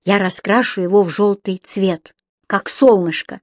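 A woman's voice: medium pitch, measured pace, a little mellow, no echo, clean studio sound, close to an everyday voice. A woman voicing a brave, cheerful little raccoon boy who reassures his sister.

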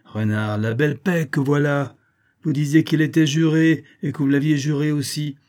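A man voicing a small, mocking female titmouse in a storybook reading, with a high, shrill and teasing voice. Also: lively intonation, moderate pace, warm tone, slightly rough.

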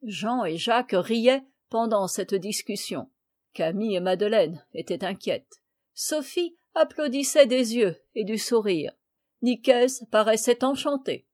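A woman's voice: fairly high pitch, animated, measured pace, darkish tone, no room sound, clean studio sound. Woman reading a children's novel. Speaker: reader.

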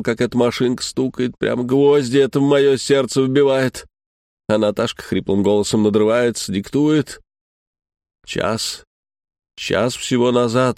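A man reading a first-person story aloud with emotional, shifting delivery, often sinking to hushed tones. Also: mid-range voice, no room sound, studio quality. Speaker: story reader.

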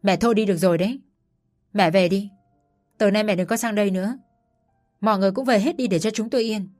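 A woman's voice: lowish voice, fast, darkish tone, dry recording, studio quality, faint music behind, natural voice. A woman doing a loyal young husband. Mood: firm resolve.

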